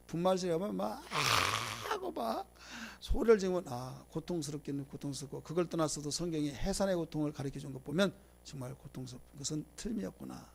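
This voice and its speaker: A man preaching a Bible lecture to a congregation. He leads call-and-response, has them repeat phrases, and swings from loud emphasis to quiet asides. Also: on the high side, vocal fry, slight background noise. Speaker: pastor. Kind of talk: sermon lecture.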